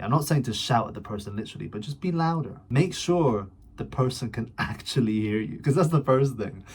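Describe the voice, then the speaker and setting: A man's voice: medium pitch, a little mellow, slightly rough. A young man giving blunt, emphatic self-improvement advice to camera and swearing casually. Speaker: self-improvement video host. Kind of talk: motivational talk to camera.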